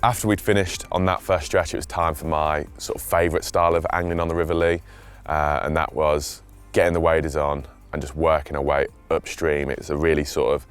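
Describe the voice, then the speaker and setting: With faint music behind him, the young Swiss-raised angler talks fairly quickly in a smooth, rumbling low voice, with little pitch movement and hardly any pauses. His enthusiastic outdoor chat and voice-over rambles and restarts.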